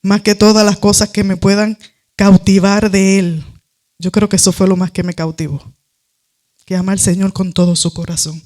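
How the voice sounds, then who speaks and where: A woman's voice: medium pitch, little pitch movement, moderate pace, a little mellow. A woman giving a fervent, conversational testimony sermon in church, speaking straight to her listeners. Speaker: preacher.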